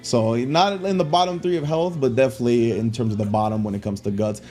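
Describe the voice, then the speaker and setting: Fast-talking, mellow male esports analyst. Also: medium pitch, soft background music. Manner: analytical, rapid-fire breakdowns. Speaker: esports co-commentator. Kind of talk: tournament commentary.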